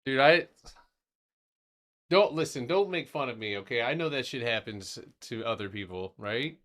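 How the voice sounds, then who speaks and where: A man's voice: medium pitch, lively intonation, moderate pace, a bit bright. A man in his thirties hosting a trading live stream, talking loosely through charts, swearing now and then and answering his chat. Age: 30s.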